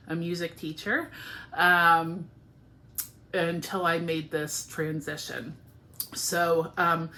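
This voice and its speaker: A woman's voice: fairly low pitch, a bit bright. A woman in her forties from the United States, hosting her knitting podcast in a casual chat to camera at home, tired and yawning, with lots of ums and laughs. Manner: chatty, frequent ums, laughs often, sleepy and yawning.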